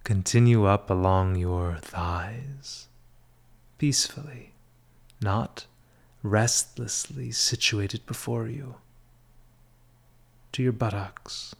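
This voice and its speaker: In a fairly low, soft, breathy half-whisper typical of a spa, a man leads a guided meditation. He keeps it soothing and measured, pausing for a long time after each short phrase.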